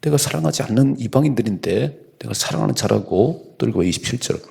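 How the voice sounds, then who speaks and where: A man's voice: mid-range voice, expressive, quick pace, creaky, darkish tone, breathy edge. A man preaching as pastor at an early-morning church service, exhorting his listeners with emphatic urging. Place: church sanctuary.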